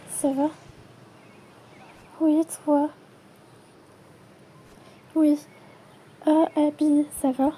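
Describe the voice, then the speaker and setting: A woman acting out a playful toy role-play, switching quickly between many characters in chatty everyday dialogue. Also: high voice, mellow. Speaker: channel creator voicing every character.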